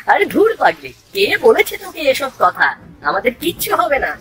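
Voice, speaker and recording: A woman's voice: high voice, sing-song, a little slow, fairly bright tone, slightly rough, full character voice, rough recording. A woman voicing a brave, practical village boy, a bossy and reassuring older brother in a children's cartoon. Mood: reassuring, firm.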